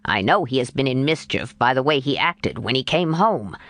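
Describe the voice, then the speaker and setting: Woman reader playing a stern grandfather, gruff and abrupt, pitched low, lively swings. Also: moderate pace, no echo, studio quality, heavily acted.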